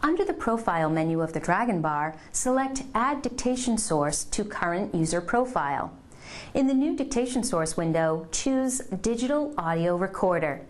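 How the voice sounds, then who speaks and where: This is a woman with a fairly low voice, narrating a product tutorial from a script. Her delivery is measured and proceeds step by step through the instructions.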